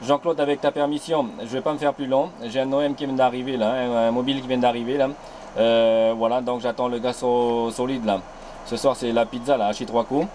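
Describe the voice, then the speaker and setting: Filming a casual radio contact, an island-based amateur talks through an old handheld transceiver mic at his home station. He speaks a little fast in a medium-pitched, slightly mellow voice with little pitch movement and slight background noise, and he's friendly, adding "là" after nearly every phrase.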